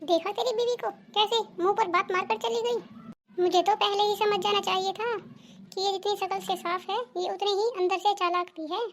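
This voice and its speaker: A shrill, very high cartoon voice of a fretful, suspicious mother-in-law, voiced by a woman. She worries aloud and throws accusations at her daughter-in-law. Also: fairly even intonation, normal speed, slight background noise. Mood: accusing. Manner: anxious, accusing. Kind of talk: cartoon dubbing.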